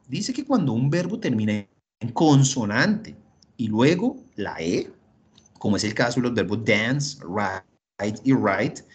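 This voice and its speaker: Patient, husky-voiced male teacher. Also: mid-range voice. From Colombia. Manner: patient, repeats rules step by step, often asks "¿listo?". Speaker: English teacher. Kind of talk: recorded online English lesson.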